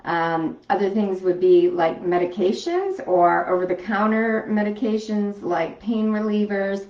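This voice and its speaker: A woman's voice: mid-range voice, a little slow. A woman chatting casually as she demonstrates food at home, rambling with frequent ums and restarts. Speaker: home cooking vlogger. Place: home kitchen. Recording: echoey room, distant dull mic.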